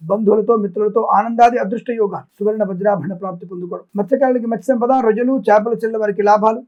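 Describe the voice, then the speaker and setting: A man's voice: high voice, very fast, dull audio. A man giving weekly horoscope predictions as an astrologer. He rattles off long lists of blessings and breaks into preachy, sarcastic asides. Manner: preachy, moralizing.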